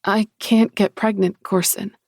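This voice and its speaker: A breathy young human woman, wary yet tender, as a male audiobook narrator puts her on. Her voice sits well above his own, soft and earnest, with a gravelly edge underneath. The recording is dry and close. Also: sits high, level tone, unhurried, no echo, voice pushed up, exaggerated voice. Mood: pleading. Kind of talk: audiobook character voice.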